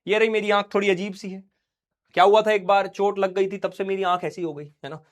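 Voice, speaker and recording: A man's voice: sits high, steady tone, a little fast. A young man teaching a science class online, playful and joking, acting out little scenes for his students while feeling unwell.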